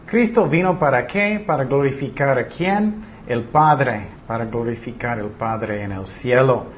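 An earnest man teaching a Bible study, lifting his voice to stress points. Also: unhurried. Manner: earnest, rises in pitch when stressing points. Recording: slightly dull recording with faint noise.

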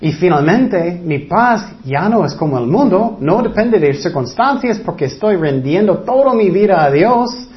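A man's voice: expressive, unhurried, few pauses, muffled recording. A middle-aged man preaching a sermon, earnest, often acting out fretful people. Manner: earnest, acts out worried people in high anxious voices.

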